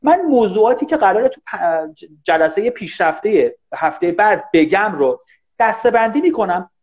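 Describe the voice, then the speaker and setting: A man teaching English in a casual live online class, talking fast and animated and often thanking viewers. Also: sits high. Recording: dull lo-fi livestream audio.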